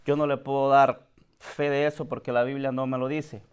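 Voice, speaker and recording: A man preaching a sermon, speaking to the congregation as brother, swinging from high, loud questions to soft, quiet lines. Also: level tone, moderate pace, clean tone. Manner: addresses the congregation directly as brother.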